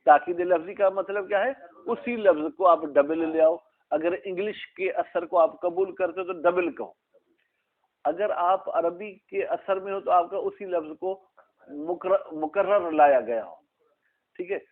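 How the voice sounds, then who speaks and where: A man leads an Arabic grammar lesson, asking questions and calling on pupils by name. His voice sits somewhat high and moves at a slow, deliberate pace. The recording is tinny and narrow, like a phone line. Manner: drills students by name, slow and explanatory. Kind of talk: classroom lesson, questioning students.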